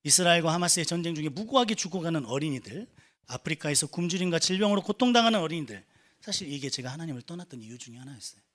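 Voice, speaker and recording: A man's voice: a little high, expressive, racing, fairly bright tone. A young man preaching a sermon to a church youth group, earnest and conversational, with rising emphatic peaks. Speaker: youth pastor.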